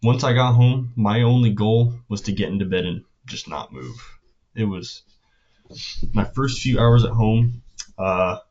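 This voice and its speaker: A teenage guy with a fairly low voice talks casually, as if recapping his day for a vlog. His delivery is hesitant and halting, with phrase ends that trail off. The sound is a bit dull and lo-fi. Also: fairly even intonation, a little mellow. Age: teenager, about 16. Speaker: vlogger.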